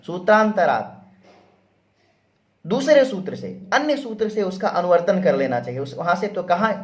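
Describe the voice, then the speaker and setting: A man teaching Sanskrit grammar in a lecture, explaining patiently with many repetitions and rhetorical questions. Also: high voice. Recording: dull lo-fi sound.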